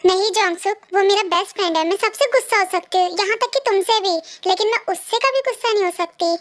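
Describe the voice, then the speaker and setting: A woman's voice: extremely high pitch, fast talker, a bit bright, dry recording. A woman voicing a cheerful young bride-to-be in a fan-made audio story, speaking in a sweet, coaxing way. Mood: firm.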